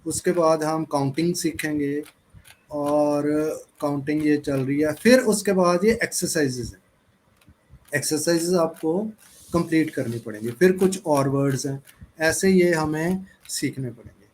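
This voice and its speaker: Slow, deliberate male English teacher. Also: fairly high pitch, a little mellow, slight background noise. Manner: slow, deliberate, spells out words letter by letter. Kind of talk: online class lecture mixing Hindi and English.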